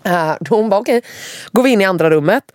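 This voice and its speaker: Young woman, podcast host, casual storytelling, animated, swears a lot, mid pitch, dry close recording. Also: clear, resonant tone, no echo.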